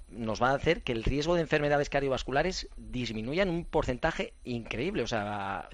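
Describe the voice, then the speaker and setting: Chatty middle-aged running coach, dry sound. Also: male voice, medium pitch, dry recording. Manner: chatty, animated storyteller with many fillers and restarts. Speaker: running coach and former athlete guest. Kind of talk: casual radio chat.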